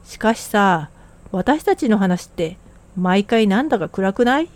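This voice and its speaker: A woman's voice: medium pitch, expressive, measured pace, a little mellow. A woman co-hosting a podcast, talking in a blunt, casual, plain way. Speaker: podcast co-host.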